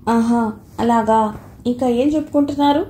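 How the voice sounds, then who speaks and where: A woman reading the part of a gentle young wife who speaks softly and sounds hurt. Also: on the high side, steady tone, fairly quick, echoey room, a little hiss or hum, natural voice. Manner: soft, hurt.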